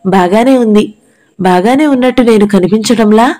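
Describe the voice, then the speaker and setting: A woman voicing a kind, concerned older gentleman who speaks gently. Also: a little high, moderate pace, lightly acted.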